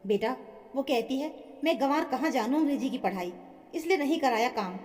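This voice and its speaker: A woman voicing a stern, protective older mother-in-law who scolds forcefully. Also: sits high, expressive, brisk, in a large hall. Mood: pleading.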